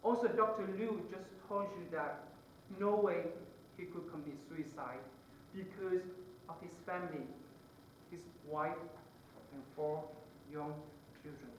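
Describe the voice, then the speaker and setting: A man's voice: on the high side, a little hiss or hum. Earnest man in an echoey hall. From Vietnam. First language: Vietnamese. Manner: earnest, halting, with many pauses between phrases. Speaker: student advocate giving closing argument. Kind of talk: mock trial closing argument. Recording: echoey room, voice far from the mic.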